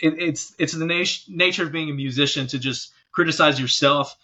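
A working musician chats casually about his job as an interview guest, often checking in with "you know." His voice is fairly high with a sharp tone, moving at a moderate pace, and the audio sounds dull.

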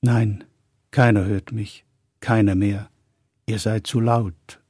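Radio play: a frail, weepy old God. Dark, husky and dry-sounding, plaintive and worn out. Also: male voice, lowish voice, little pitch movement, slow, no room sound. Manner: plaintive, weary, pleading. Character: old, tearful, feeble God, pitied and ignored.

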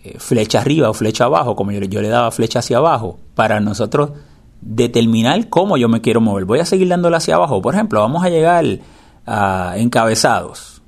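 A man with a medium-pitched voice gives a hands-on software lesson. He explains step by step in a patient instructor's manner, repeating the important parts. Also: animated, brisk, gravelly. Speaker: instructor demonstrating a screen reader. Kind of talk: spoken step-by-step tutorial.

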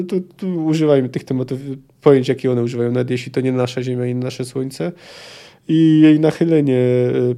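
A man's voice: medium pitch, dark tone. A man hosting a book podcast, thinking aloud with frequent hesitations and restarts. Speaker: podcast host. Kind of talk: casual book discussion.

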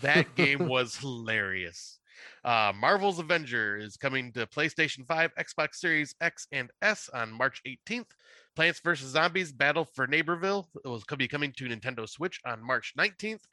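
Bright, tense-voiced man listing game releases. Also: medium pitch, expressive, normal speed, no room sound. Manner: runs through a list of game releases, casual and chatty. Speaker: podcast co-host. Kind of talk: casual podcast chat.

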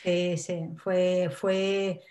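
A woman, nervous, telling her own story in an interview with halting speech and many restarts. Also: lowish voice, level tone, darkish tone, reverberant. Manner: halting, frequent tag questions and restarts. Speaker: interview guest. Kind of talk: personal storytelling.

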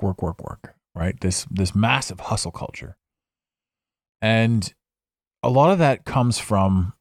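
With a warm, fairly low-pitched voice, a man records an unscripted solo podcast in his home studio on a studio microphone, with no echo. He's reflective, meanders, and restarts often.

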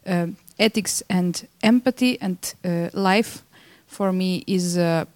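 Halting, slow woman. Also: fairly low pitch, a little mellow, no room sound. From Belarus. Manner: halting, frequent pauses. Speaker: panelist, artist and activist. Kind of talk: spoken self-introduction on a live panel.

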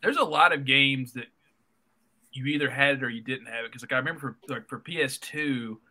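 A man's voice: medium pitch, fairly quick, pushed and bright. A man in casual conversation, telling stories with lots of filler words. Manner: filler-heavy storytelling. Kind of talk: casual chat.

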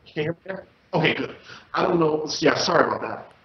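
A man chatting casually over a video call, his voice choppy and glitchy as the connection breaks up, speaking in halting fragments. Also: fairly high pitch. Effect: choppy, glitchy, breaking-up call audio. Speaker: co-host recommending anime films. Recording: dull, echoey internet call audio.

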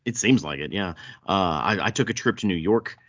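A man's voice: fairly low pitch, lively intonation, brisk, slightly rough. A man with a thick Southern US accent hosting a casual podcast chat, often stammering and repeating words as he goes. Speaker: podcast host. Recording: dull, roomy echo.

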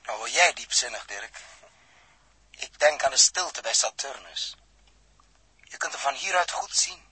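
A curious male astronaut who muses aloud and explains things at length. His voice is bright and raspy, and it is recorded dry and close to the mic. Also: medium pitch, expressive, measured pace, no room sound, full character voice, low-quality recording. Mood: musing. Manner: explanatory, musing, later anxious. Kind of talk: vintage radio drama acting.

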